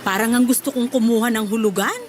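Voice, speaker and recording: A woman playing a demanding, wheedling middle-aged mother in a radio drama, with a nagging, expressive delivery. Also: fairly high pitch, fast talker, natural voice. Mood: coaxing.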